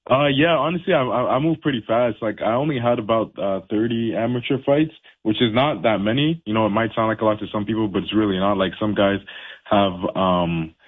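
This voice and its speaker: A man's voice: lowish voice, brisk, slightly rough. A young man, a professional boxer, chatting casually and laid-back with lots of fillers and laughs. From Canada. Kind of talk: casual phone interview. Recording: tinny phone line.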